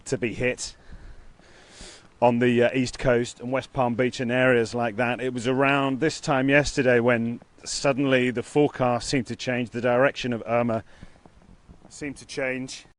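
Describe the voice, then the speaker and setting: A man giving an earnest, halting, unscripted live news report outdoors in a storm, speaking into a phone. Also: medium pitch, little pitch movement. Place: outdoors near a hotel in a storm. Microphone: phone held by the speaker. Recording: noisy outdoor wind and rain. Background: storm ambience.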